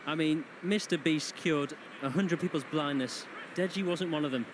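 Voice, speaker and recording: A man's voice: fairly high pitch, normal speed. A man giving comedic live football commentary, joking and quipping with puns. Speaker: match commentator. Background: clear outdoor ambient noise.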